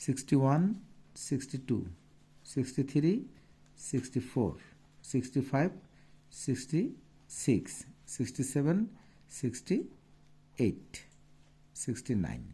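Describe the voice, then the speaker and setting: Bangladeshi bengali accent guy teaching kids english, spells stuff letter by letter, mellow dark voice. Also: medium pitch, big pitch swings, husky. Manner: explains slowly, spells out words letter by letter. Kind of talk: classroom lesson.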